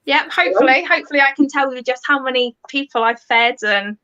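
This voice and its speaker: A high, bright-voiced English woman speaks over a dull, muffled call line. She is friendly and quick to laugh, shivering with cold as she talks about her shop. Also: clear, resonant tone. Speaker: shop manager guest. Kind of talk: casual chat and promo pitch.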